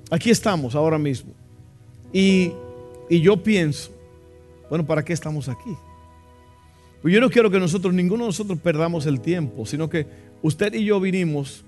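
A man preaching a sermon to his congregation in a church. His voice sits a little high, and he keeps turning to the listeners with fervent questions. Soft instrumental music plays faintly behind him. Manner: impassioned, asks the congregation questions. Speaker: pastor.

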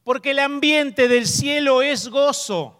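A man preaching a sermon, asking the congregation questions and slowing down to stress key words. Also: very high-pitched, fairly bright tone, big-room sound. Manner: asks the congregation questions, emphatic slow stresses.

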